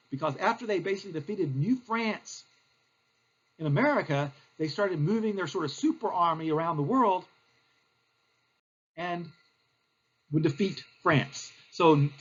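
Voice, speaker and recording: A man's voice: fairly high pitch, breathy edge, lo-fi sound. A male teacher, giving a recorded history lecture in a plain, explanatory way with frequent fillers.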